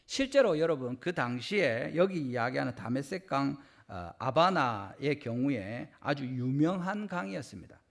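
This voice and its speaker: A man preaching a Sunday sermon, acting out scripture characters with sudden swings between loud outbursts and quiet asides. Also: mid-range voice. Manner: lively, acts out quoted speech with sharp rises and drops in loudness. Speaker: pastor.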